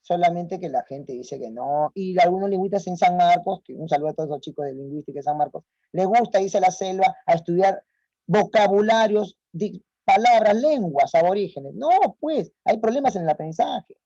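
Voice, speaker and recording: Guy teaching a class online, punchy rhetorical questions, mellow voice, dull lo-fi sound. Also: sits high, a little fast, no echo. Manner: emphatic, rhetorical questions to students. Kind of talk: online lecture. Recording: muffled lo-fi audio.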